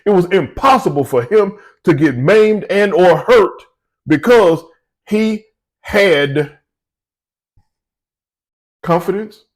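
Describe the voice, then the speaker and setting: A man giving a conversational Bible teaching, slangy and rambling, speaking to his viewers. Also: a little high. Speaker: faith speaker.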